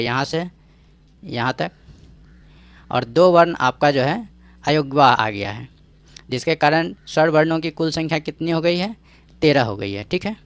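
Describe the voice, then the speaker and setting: A man's voice: a little high, dry recording. A man giving an exam-prep grammar lesson, explaining step by step, checking in often and quizzing the viewer with rhetorical questions. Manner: explains step by step with frequent "ठीक है" check-ins. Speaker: teacher.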